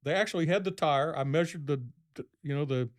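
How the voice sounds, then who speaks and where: A man's voice: on the high side, fairly quick. A man, a podcast guest, telling a long story casually, rambling and acting out what people said. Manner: rambling, acts out quoted speech in a raised voice.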